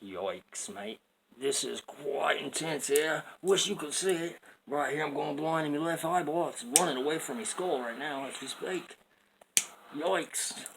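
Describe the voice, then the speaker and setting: A man putting on a comic mock Australian accent as an excitable, loud bloke, in a noisy home recording. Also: on the high side, unhurried, gravelly, pitched above the performer's own voice. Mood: excited.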